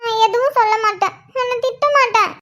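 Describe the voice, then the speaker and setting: Brief: a tipsy, clingy cartoon wife, very high squeaky voice, whiny and teasing. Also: quick pace, bright, forceful tone. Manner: pleading, childish, teasing.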